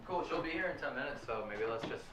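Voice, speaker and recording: A man's voice: medium pitch, lively intonation, fast, crowd noise. A man exploring a house as a paranormal vlogger, chatting casually and sometimes reading aloud, picked up at a distance in noisy location sound. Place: inside an old house.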